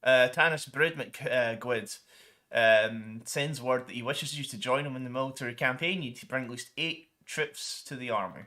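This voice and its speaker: Male gaming streamer, bright forward voice, chatty and rambling, casual commentary over gameplay. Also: mid-range voice, normal speed. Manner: rambling, many ums and restarts, mild swearing substitutes.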